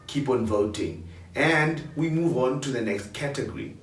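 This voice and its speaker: A man's voice: medium pitch, animated, moderate pace, slight background noise. A man presenting award nominees in a countdown with an upbeat, hype-style pep talk. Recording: roomy, distant mic.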